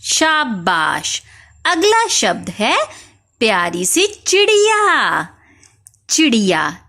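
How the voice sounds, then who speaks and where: A woman teaching young children spelling, slowly spelling out each word letter by letter and asking them questions. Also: on the high side, wildly swooping pitch, bright, forceful tone. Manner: slow, spells words letter by letter, asks questions.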